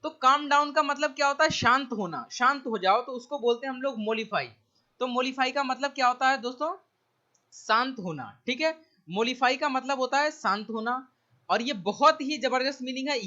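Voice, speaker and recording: Bright-voiced Hindi-accented male teacher. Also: extremely high pitch, muffled recording. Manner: explains each word slowly with repeated checks like "theek hai". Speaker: English teacher. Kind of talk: online exam-prep lecture.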